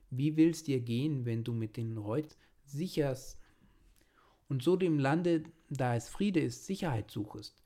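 A man's voice: medium pitch, warm tone. A man reading an old sermon aloud in German, earnest and pleading as he exhorts his listeners.

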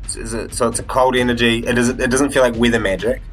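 A man's voice: mid-range voice, level tone, quick pace, soft background music. A man casually playing a tabletop game, hesitant and full of fillers. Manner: hesitant, full of ums and likes. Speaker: player.

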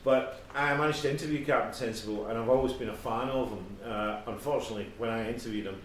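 A man's voice: mid-range voice, fast. Middle aged guy just rambling off the cuff on a podcast, roomy echo, bit of background hiss. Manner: rambling, conversational. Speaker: podcast co-host. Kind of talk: natural unscripted casual chat about music. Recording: very echoey room, distant mic, faint noise.

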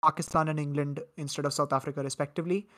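A man's voice: on the high side, fairly even intonation, rapid-fire, crowd noise. A man hosting a casual podcast, chatting loosely and laughing often as he reads out the picks. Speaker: podcast host. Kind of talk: casual cricket podcast chat.

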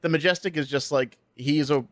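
A man's voice: fairly high pitch, a little fast, no room sound, clean studio sound. A young man co-hosting a podcast over a call, teasing and arguing in casual chat. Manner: teasing, argumentative, swears casually. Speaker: podcast co-host.

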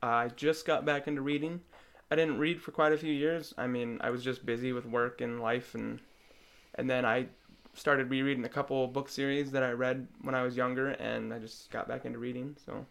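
Easygoing man guest, casual chat, matter-of-fact, average pitch. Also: fairly even intonation, moderate pace, vocal fry, a bit bright. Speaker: podcast guest.

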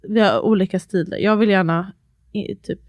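A woman in her thirties talks on a podcast in a lively, laughing way and drops English phrases into her Swedish. Her voice sits at a middle pitch. The recording is dry and close. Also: dry recording. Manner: animated, laughing storyteller, mixing in English phrases. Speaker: podcast co-host. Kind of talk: casual chat.

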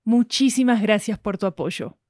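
Argentine woman reading a brisk promo. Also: medium pitch. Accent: Argentine Spanish. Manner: brisk, friendly promo read. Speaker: podcast host. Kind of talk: read sponsor announcement.

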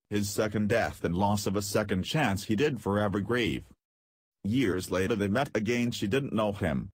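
Husky low-voiced male storyteller. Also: no room sound. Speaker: narrator. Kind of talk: scripted dramatic story narration.

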